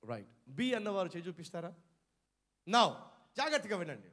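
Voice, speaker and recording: A male pastor, preaching to a congregation and asking them questions again and again, shifting from low murmurs to loud exclaims. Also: sing-song, moderate pace. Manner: mixes English phrases into his preaching. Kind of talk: sermon. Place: church hall with a congregation.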